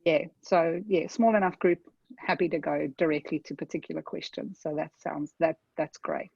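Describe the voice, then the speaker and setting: Low-pitched and steady, her voice moves at a normal speed with vocal fry, a slightly mellow quality and a breathy edge. She's a South African webinar presenter with a South African accent, chatting directly to her audience and frequently asking "okay?". The audio is lo-fi.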